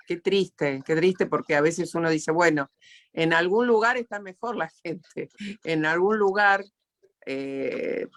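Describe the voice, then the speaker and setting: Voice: mid-range voice, a bit bright. An interview host with an Argentine accent, talking reflectively and emotionally, often repeating words. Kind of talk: casual interview talk.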